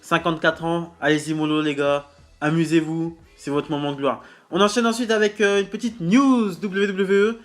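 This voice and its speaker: A man hosting a casual wrestling news show, speaking bluntly with slang and pausing often with fillers and restarts. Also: fairly high pitch, steady tone. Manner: hesitant, many filler pauses and restarts.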